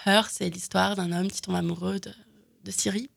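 A woman with a gravelly, creaky voice chats casually about films. She hesitates often, filling gaps with fillers and restarting her sentences. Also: mid-range voice, level tone, moderate pace. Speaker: film recommendation guest. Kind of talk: casual radio film chat.

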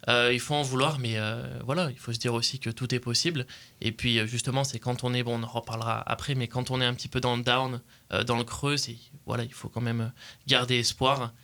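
A man's voice: mid-range voice, little pitch movement, fairly quick, bright, forceful tone. A young man born in Portugal, an interview guest telling his own path, with many hesitations. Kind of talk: studio interview.

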